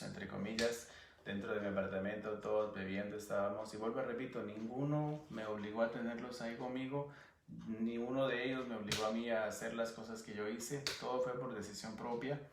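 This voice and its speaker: A man from Guatemala with a Guatemalan Spanish accent, giving an earnest personal testimony as an interview guest, sometimes pausing to search for words. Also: on the low side, echoey room, far from the mic, noisy background. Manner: earnest, searching for words, animated when recounting.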